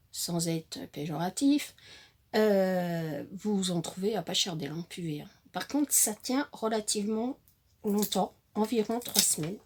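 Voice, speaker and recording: A woman's voice: medium pitch, a little mellow. A woman chatting casually while showing off a craft-supply haul, hesitant with many fillers and self-corrections. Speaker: crafting vlogger.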